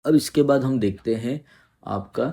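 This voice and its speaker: His voice is mid-range and mellow as he leads an exam-prep lesson on English grammar. He reads English sentences in a slow, deliberate way, explains things patiently, and often pauses to ask "ठीक है?" to confirm students understand.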